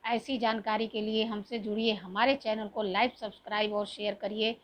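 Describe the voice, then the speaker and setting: A woman's voice: medium pitch, flat delivery, moderate pace, poor audio. A middle-aged woman, a channel host, telling a devotional story in a plain, conversational way with frequent fillers. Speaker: YouTube astrologer and storyteller.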